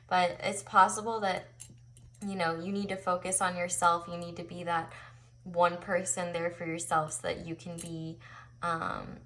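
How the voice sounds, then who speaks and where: A woman's voice: lowish voice, little pitch movement, a little slow, a bit bright. A woman giving a casual, chatty tarot reading to viewers in an encouraging, conversational way. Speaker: tarot reader hosting an online pick-a-card reading. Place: indoors at a tabletop, overhead camera on the cards.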